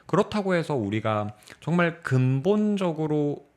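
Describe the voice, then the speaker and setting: A young man co-hosting a podcast, talking through ideas on literature in a thoughtful, measured way with pauses. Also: fairly high pitch, sing-song, darkish tone. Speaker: podcast co-host. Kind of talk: casual discussion of literature.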